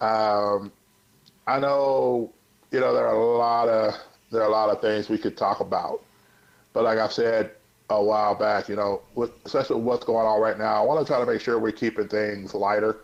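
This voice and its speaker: A man's voice: on the low side, fairly even intonation, moderate pace, vocal fry. A man hosting a casual podcast chat, laid-back and thoughtful as he gives his thoughts on a character. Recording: slightly muffled lo-fi audio.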